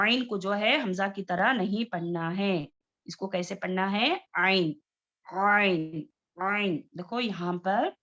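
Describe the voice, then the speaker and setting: A woman teaches recitation in an online class, speaking very slowly and drawing each word out in patient repetition. Her voice sits at an ordinary middle pitch. The audio is dull and lo-fi. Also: fairly bright tone. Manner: patient, repeats words slowly as examples.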